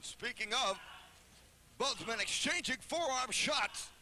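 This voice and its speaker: A man with a very high, sharp voice calls wrestling play-by-play. He is excitable and names moves in clipped phrases, with faint venue ambience behind him. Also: slow, slight background noise. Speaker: wrestling commentator. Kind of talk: play-by-play sports commentary.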